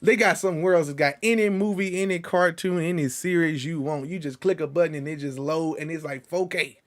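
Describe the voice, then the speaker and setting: A man hosting a casual virtual reality show, chatting fast and loose with plenty of slang. His voice sits a little higher than most men's, and he gets animated when a story takes off. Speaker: podcast co-host.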